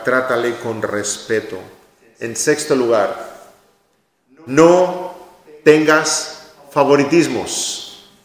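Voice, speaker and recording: A man preaching a sermon in a church hall, emphatic, repeating his key phrases and acting out short quotes. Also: lowish voice. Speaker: pastor. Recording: echoey hall with long reverb.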